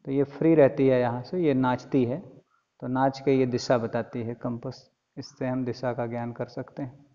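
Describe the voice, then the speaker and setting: A male teacher giving a lesson, reading English text aloud very slowly and then explaining each line in detail. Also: medium pitch, flat delivery, dark tone. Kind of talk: classroom lecture explaining an English textbook chapter in Hindi. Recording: lo-fi recording with long echo.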